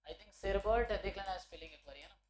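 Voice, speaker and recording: Man teaching, checking in constantly. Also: high voice. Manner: explains step by step, often checks understanding with tag questions; reads definitions out slowly word by word. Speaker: statistics teacher. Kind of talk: online exam-prep lecture.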